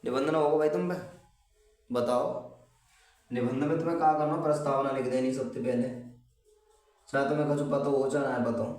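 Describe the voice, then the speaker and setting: A man's voice: mid-range voice, fairly even intonation, brisk, long pauses, darkish tone. A young man, giving casual, rambling exam tips to students he calls brother. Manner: chatty, addresses viewers as brother, rambling. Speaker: exam tips video host. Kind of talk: casual exam-prep talk. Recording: echoey room, far from the mic.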